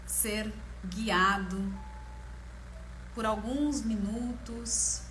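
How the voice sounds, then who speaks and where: A woman with a Brazilian Portuguese accent leading a guided meditation in a slow, soothing manner, leaving long pauses between short phrases. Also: medium pitch, steady tone, a bit bright. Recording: clear background noise, ambience. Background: ambient meditation music.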